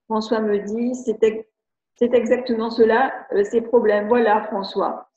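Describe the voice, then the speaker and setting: French woman educator, slightly high, mellow, hesitant, on a muffled echoey video call. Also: fairly even intonation, measured pace. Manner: hesitant, many restarts and fillers, chatty. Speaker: educator hosting a webinar. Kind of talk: live video-conference talk, reading viewer questions. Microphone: computer mic on video call.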